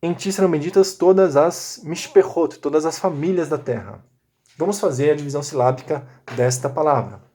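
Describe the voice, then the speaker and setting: A man's voice: a little high, brisk, mellow. A man teaching a recorded language lesson. He explains step by step and often checks in with short tag questions. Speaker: Biblical Hebrew teacher.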